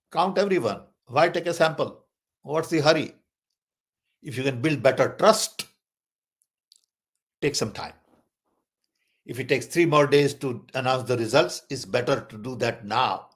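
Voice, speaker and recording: A man speaking as a guest in a panel discussion, making measured points. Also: mid-range voice. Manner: deliberate, measured explanations. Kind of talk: discussion talk.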